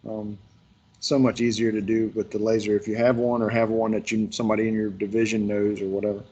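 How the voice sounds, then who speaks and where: A man's voice: on the low side, flat delivery, fast, darkish tone. A man leading a workshop, telling folksy stories in a rambling way with lots of restarts. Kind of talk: casual virtual workshop instruction.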